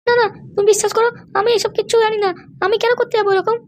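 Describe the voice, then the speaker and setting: A woman's voice: very high-pitched, little pitch movement, very fast, a little hiss or hum. A woman voicing a put-upon young wife in a cartoon, pleading and protesting her innocence. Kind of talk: cartoon voice acting.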